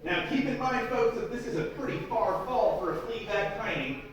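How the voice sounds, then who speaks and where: High-voiced showman in a very echoey space. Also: animated, moderate pace. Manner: theatrical, mock-grand announcing with playful asides. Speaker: flea circus showman and host. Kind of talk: live showman patter to an audience. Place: live show space, heard from a distance. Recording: very echoey room, distant mic, faint noise.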